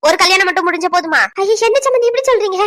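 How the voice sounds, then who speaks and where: Cartoon mother-in-law, voiced by a woman, very high, fast, bossy scolding. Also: animated, a bit bright. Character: bossy middle-aged mother-in-law at a wedding. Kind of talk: cartoon voice acting, several village figures.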